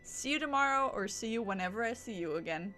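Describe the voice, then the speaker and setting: Fast and expressive, a woman's high-leaning voice comes across as pushed and bright while she chats on her gaming livestream. She rambles, giggles, and keeps repeating herself, with soft music in the background.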